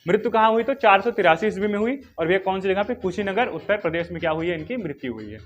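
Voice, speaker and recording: A man's voice: high-pitched, animated, fast. A man teaching a history coaching class, who asks questions, answers them himself and repeats the key names again and again. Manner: drills key names by repetition, dictates notes.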